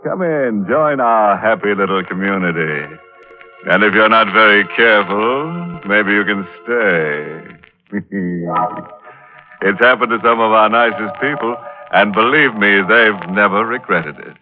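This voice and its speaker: Ghoulish radio host, low voice, sardonic and mock-friendly, unhurried, tinny old broadcast. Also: male voice, expressive. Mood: sardonic, gleeful. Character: ghoulish, macabre male host, gleefully sardonic. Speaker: horror show host. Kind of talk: 1940s radio horror hosting. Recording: tinny 1940s radio broadcast, music behind.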